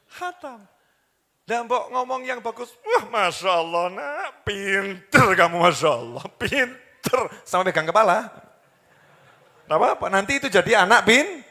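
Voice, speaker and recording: Man, sermon, lively pitch, bright tone, rhetorical questions, long hall reverb. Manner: animated, acts out everyday voices, rhetorical questions to the crowd. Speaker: preacher.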